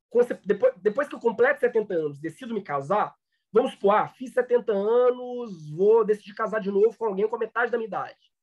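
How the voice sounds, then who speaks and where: A man's voice: high voice, darkish tone. Hesitant Brazilian man lecturing, lo-fi. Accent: Brazilian Portuguese. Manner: hesitant, many fillers and restarts. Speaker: law professor. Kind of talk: online lecture.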